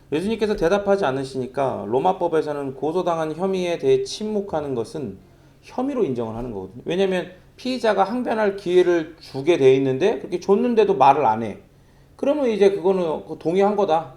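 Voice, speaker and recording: His fairly high, mellow voice carries vocal fry as this middle-aged pastor preaches, very animated and fairly quick. The sermon is conversational and story-driven, peppered with vivid sound effects from his own mouth.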